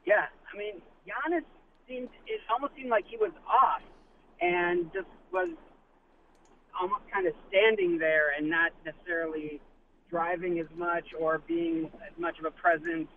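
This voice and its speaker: A man phoning a sports radio show from his car, chatting casually as a fan in a halting way. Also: high-pitched. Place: inside a car while driving. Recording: phone line with road noise.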